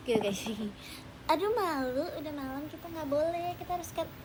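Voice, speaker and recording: Teen girl livestream host, high pitched, playful teasing chatter with fans. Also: normal speed, background noise. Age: teens. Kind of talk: casual livestream chat with viewers. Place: at home at night, keeping voice down.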